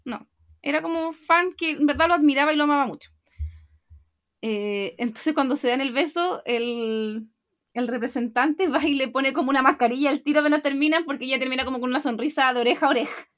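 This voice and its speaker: A young Chilean woman chatting casually as a podcast co-host, retelling scenes with lively acted-out quotes. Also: high-pitched, fairly quick. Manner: animated storytelling, acting out quotes. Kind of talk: casual chat.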